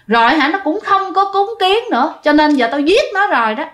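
A woman's voice: high-pitched, lively intonation, fairly quick, a bit bright, pitched above the performer's own voice. A woman voicing a menacing tree demon speaking through an old village woman, demanding and scornful. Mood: threatening.

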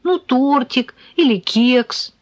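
Brief: woman reader as a wry young woman, high and lilting, unhurried. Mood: light. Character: practical young woman, mildly teasing. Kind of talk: audiobook dialogue.

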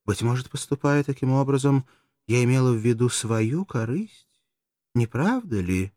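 Мужчина озвучивает молодую коварную куртизанку, театрально, с мольбой и надрывом, в аудиокниге. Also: male voice, expressive, moderate pace, a little mellow, dry recording, studio quality, close to an everyday voice. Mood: wheedling. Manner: shrill, pleading, theatrical. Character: scheming young female courtesan, passionate, manipulative. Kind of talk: audiobook character voice.

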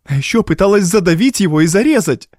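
A frightened young wife, as a male reader puts her on, pleads in a raised, unsteady voice. Her lines climb high and break with strain. The sound is dry and close to the mic. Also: normal speed, darkish tone, no echo, natural voice. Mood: distraught. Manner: pleading, trembling.

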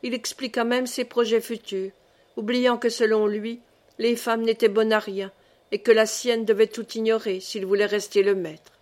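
Reading a classic novel for an audiobook, a woman narrates at a measured, even pace in a somewhat high voice.

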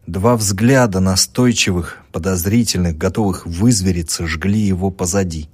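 A man narrating an audiobook in a measured, expressive storytelling manner. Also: deep voice, slightly rough.

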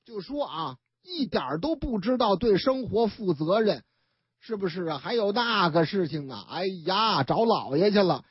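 A woman radio host, telling news stories in a chatty, lively way. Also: mid-range voice, moderate pace, husky, no room sound. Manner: chatty, lively storyteller who acts out the people in her stories. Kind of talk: storytelling news commentary. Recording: dull, dry lo-fi radio broadcast.

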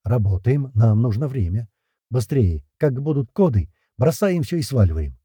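Audiobook figure: urgent male engineer read by a man, clipped orders, husky and dry. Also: medium pitch, very animated, dark tone, no room sound. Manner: brisk, commanding. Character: tense male engineer cracking codes.

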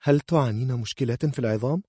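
A man's voice: medium pitch, rapid-fire, dark tone, breathy edge, dry recording, studio quality, pitched above the performer's own voice, close to an everyday voice. A man voicing a cool, shrewd young healer girl. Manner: cool, matter-of-fact and bargaining.

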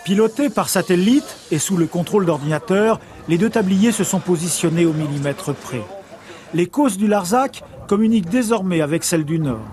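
A man, a news reporter, reading a scripted report in a measured, formal delivery. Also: high voice, expressive, warm tone.

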